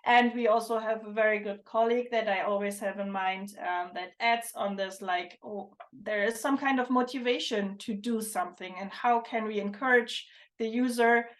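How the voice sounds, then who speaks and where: A woman's voice: mid-range voice, steady tone, moderate pace. Woman presenting on a livestream. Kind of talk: casual panel discussion. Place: online livestream, video call.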